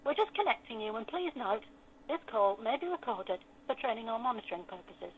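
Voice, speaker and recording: A woman's voice: on the high side, sing-song, a little fast. A woman's recorded phone message, a formal and polite scripted call-centre announcement played down a phone line. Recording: noisy phone line heard from off-mic.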